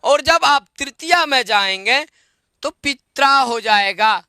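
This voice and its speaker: A male Sanskrit teacher leads an online grammar lesson, speaking slowly and unhurriedly. His voice is very high and ringing bright, smooth and clear. He repeats each form, asks quick questions and chants the declensions in a sing-song way, recorded close and dry. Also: expressive, no echo. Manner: repeats forms and quizzes students with questions.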